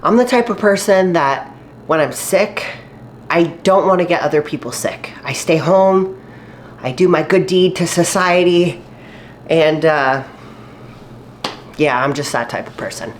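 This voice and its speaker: Low-voiced and a little slow, a woman fitness vlogger leaves long pauses as she chats casually while cooking in her home kitchen. Despite sounding a bit stuffy and nasal after a cold, she's upbeat and peppered with fillers. Slight background noise and faint frying sounds are audible.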